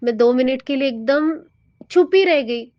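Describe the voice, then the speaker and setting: A woman's voice: sits high, a little slow. A woman giving an earnest, emotional personal devotional testimony, often addressing her listeners directly. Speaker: devotee sharing her experience. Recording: dull, dry lo-fi audio.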